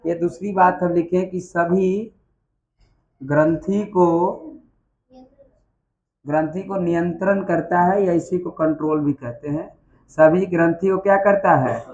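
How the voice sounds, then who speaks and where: Male biology teacher in a classroom, slow and deliberate, drills the class with repeated questions. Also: sits high, a little mellow, low-quality recording. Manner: repeats key terms and quizzes the class. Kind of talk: classroom lesson with call-and-response questions. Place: classroom with students answering.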